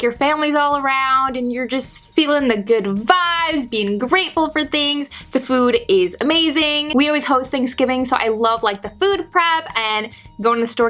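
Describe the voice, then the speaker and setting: A woman's voice: sits high, fairly bright tone. A young woman in her twenties chatting casually to her viewers in a Q&A vlog, bubbly and full of "like". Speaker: YouTuber.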